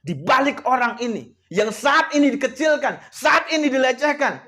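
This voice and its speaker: A man with a notably high voice delivers a motivational speech to an audience. He tells stories, addresses his listeners often, and adds frequent devout exclamations. His delivery swings from soft, almost whispered lines to loud, emphatic bursts. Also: expressive, normal speed. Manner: swings between hushed, soft passages and loud emphatic outbursts. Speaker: motivational coach.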